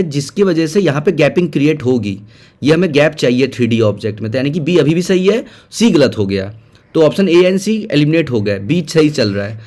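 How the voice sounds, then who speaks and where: A man's voice: a little high, a little mellow. A man teaching, walking students through exam questions and repeating key points as he mixes in English terms.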